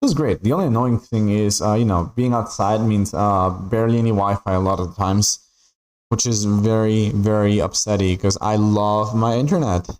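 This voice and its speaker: Streaming a game, a young man from Peru rambles in chatty fashion, leaning constantly on "like" and "right?". His voice sits on the low side with a darkish tone at normal speed, and the audio is poor.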